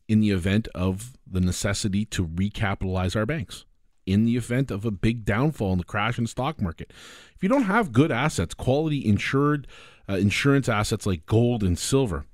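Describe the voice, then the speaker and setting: Radio co-host, man from Canada, lowish voice, dry studio sound, lively storytelling delivery. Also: no echo. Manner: animated, acts out little scenes. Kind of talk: casual radio talk on finance.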